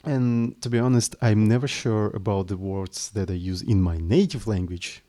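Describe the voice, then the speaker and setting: Warm and lowish, this man's voice moves at a normal speed. He chats casually on a live stream about the code he's writing, his non-native English halting and apologetic, with frequent restarts.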